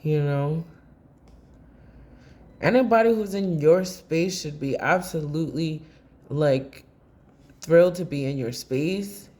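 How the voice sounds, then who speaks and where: A woman's voice: deep voice, darkish tone. A woman giving a tarot reading to camera in a blunt, impassioned and rambling way, swearing freely as she talks. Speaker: tarot reader. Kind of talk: casual tarot reading monologue.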